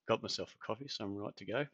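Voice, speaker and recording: A man's voice: on the low side, a bit bright, slightly rough, dry recording. Chatty Australian man, dull lo-fi audio. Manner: chatty, self-deprecating, many fillers. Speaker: trading live-stream host. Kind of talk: casual live-stream chat.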